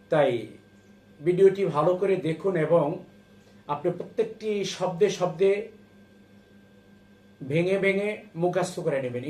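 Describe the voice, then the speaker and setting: A man's voice: sits high, darkish tone, reverberant. A man with a Bangladeshi accent teaching Quran recitation, patiently spelling out Arabic words letter by letter and repeating each syllable.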